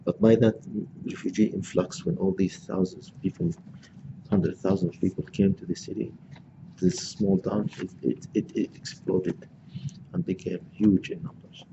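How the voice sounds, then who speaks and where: A deep-voiced man in his sixties, originally from Gaza, lectures on his own life in a halting, reflective way, restarting his sentences often. His voice is low and gravelly. The recording is dull and lo-fi, with a steady hiss of noise behind him. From Gaza, Palestine. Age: 60s. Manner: halting, many restarts and fillers.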